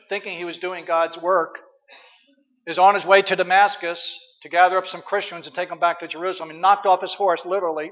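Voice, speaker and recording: A male pastor giving a sermon in a church, conversational and reflective, often pausing on fillers. His voice sits somewhat high for a man. The recording is dull and lo-fi. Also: a bit bright, big-room sound.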